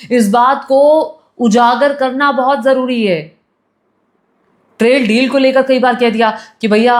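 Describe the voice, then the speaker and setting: Indignant woman news commentator. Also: fairly high pitch. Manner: indignant, firing rhetorical questions. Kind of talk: opinion news commentary to camera.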